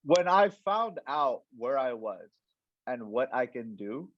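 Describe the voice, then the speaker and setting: Animated young man telling a story. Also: medium pitch, slow, no echo, muffled recording. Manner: animated storyteller, acts out quoted dialogue, many restarts. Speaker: entrepreneur coach, guest. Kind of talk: casual storytelling interview.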